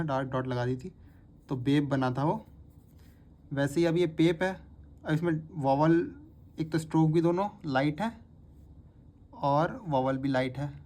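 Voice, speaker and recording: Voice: mid-range voice, warm tone. A shorthand teacher giving a patient step-by-step spoken lesson and repeating each word aloud several times. The teacher records the lesson on a phone.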